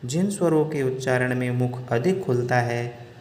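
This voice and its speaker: A man teaching Hindi grammar in a slow, deliberate lesson, drawing out each example sound. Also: medium pitch, a little mellow. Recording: echoey room with long reverb.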